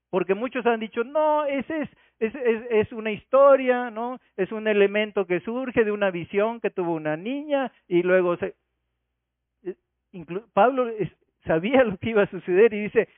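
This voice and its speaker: A pastor with a high-pitched voice preaches a Sunday sermon, expounding scripture and posing rhetorical questions. The recording has no room sound but a tinny, phone-like radio quality.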